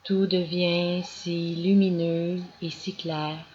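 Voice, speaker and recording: A woman with a lowish voice guides a yoga nidra meditation as scripted narration, giving calm, measured instructions with long pauses. The lo-fi recording sounds dull, with clear background noise.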